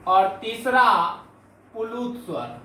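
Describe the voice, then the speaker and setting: A male Hindi grammar teacher leads a classroom lesson, posing questions and answering them himself, repeating key points and often using the filler "jo hai." His very high, bright, pushed voice swings widely in pitch at a slow pace, heard from a distance in an echoey room with slight hiss or hum.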